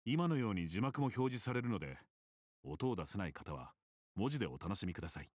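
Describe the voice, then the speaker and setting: A man voicing a calm, courteous male game master who narrates the game softly and politely, close to the ear. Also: on the low side, dry recording. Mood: welcoming. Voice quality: soft, intimate, close to the ear. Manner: polite and measured.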